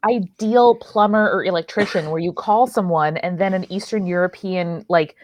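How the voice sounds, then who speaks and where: A woman's voice: lowish voice, moderate pace, darkish tone. A woman co-hosting a casual chat, spinning wry, joking riffs. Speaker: podcast co-host.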